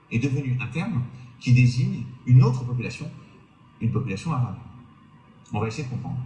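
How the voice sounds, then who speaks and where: A man's voice: medium pitch, dark tone, echoey room, poor audio. A man narrating a history lesson to his viewers, asking rhetorical questions and hesitating often as he explains. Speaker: history video presenter.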